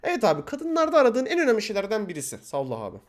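High, lively male streamer. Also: racing. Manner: animated, laughs often, thanks viewers. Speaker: streamer hosting a live chat. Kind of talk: casual live-stream chat.

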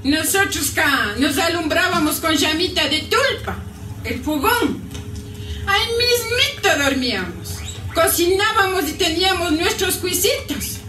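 Dolores Cacuango, high-voiced Andean peasant leader. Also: female voice, animated, measured pace, sharp tone, heavily acted. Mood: plaintive recollection. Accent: Ecuadorian highland. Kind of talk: radio drama acting. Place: played over speakers at a stage performance. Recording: echoey stage playback from far off, music behind.

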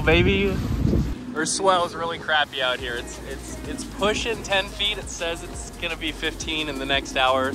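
A man narrating a casual fishing vlog on the open ocean from a small inflatable kayak, talking into a phone in a laid-back way with excited slangy exclamations. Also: mid-range voice. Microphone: handheld phone.

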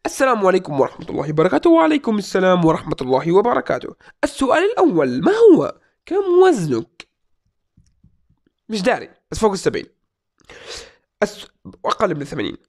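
A young man in his twenties runs a casual question-and-answer vlog from a small room. He talks fast and playfully, with a voice that swings widely up and down. He reads out the questions and jokes his way through the answers. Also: high voice, wildly swooping pitch. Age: 20s. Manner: joking, playful, reads out comments. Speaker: YouTuber answering viewer questions. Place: small indoor room at a desk.

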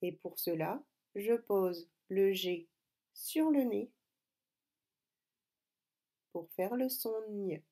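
Woman schoolteacher, mellow voice, slow deliberate phonics lesson for kids. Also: mid-range voice. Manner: slow, clear, deliberate teacher talk addressing pupils. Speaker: primary school teacher.

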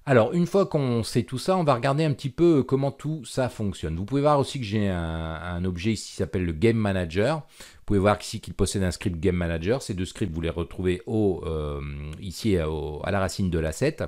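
Male instructor, lowish voice, casual hesitant screen-tutorial narration, lots of fillers. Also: fairly quick, darkish tone. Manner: hesitant, many fillers and restarts. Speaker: programming instructor. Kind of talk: screen-recorded software tutorial.

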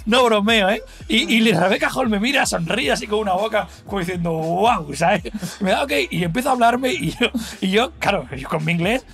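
High, gravelly Spanish man rambling animatedly. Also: a little fast. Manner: rambling, animated, full of fillers and laughter. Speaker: guest telling an anecdote. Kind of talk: casual podcast storytelling.

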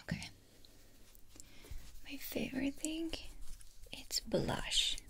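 Whispering young woman, creaky ASMR role-play. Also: high-pitched, lively intonation, very slow. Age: 20s. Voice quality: breathy, unvoiced whisper. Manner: soft, chatty, instructing the listener up close. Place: small indoor room at home. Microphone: close mic, near the camera.

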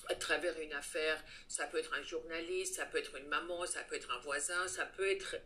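A woman's voice: sits low, fairly even intonation, pushed and bright, slight background noise. Earnest older woman. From Iran. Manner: earnest, measured, pauses to find words. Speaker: guest, head of a child-protection association. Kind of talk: interview answers.

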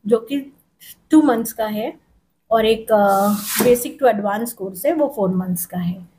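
A middle-aged woman salon owner answering interview questions in a salon, pausing often with fillers. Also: on the high side, mellow, a little hiss or hum. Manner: hesitant, with many pauses and fillers. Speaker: salon owner and makeup artist. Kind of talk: on-camera interview. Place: indoor salon with tiled walls. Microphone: handheld reporter mic.

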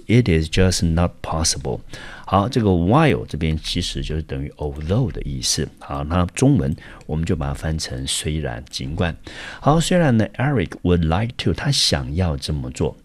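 A man from Taiwan teaches English vocabulary in a very deep, low voice. He explains each word patiently and step by step, pausing often on small fillers as he goes. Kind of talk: vocabulary lesson.

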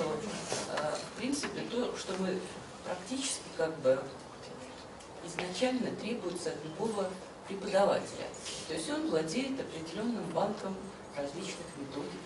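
A woman audience member making a comment and question, deliberately, in short broken phrases. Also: on the low side, sing-song. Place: seminar room, off camera. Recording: echoey, noisy room, far from mic.

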